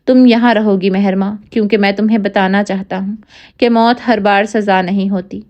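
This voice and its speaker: A woman's voice: medium pitch, fairly even intonation, muffled recording, lightly acted. Vengeful cold man read by a woman, menacing, audio storybook. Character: vengeful cold-hearted man punishing his wife.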